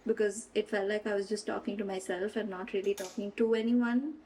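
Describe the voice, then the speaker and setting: Through a distant mic and poor audio, a young woman's mid-range, warm voice comes across fairly quickly and with fairly even intonation. She's a beauty vlogger doing a casual get-ready-with-me makeup chat, giggling and slipping into a playful fake British accent mixed into her own, as rain and traffic sound outside.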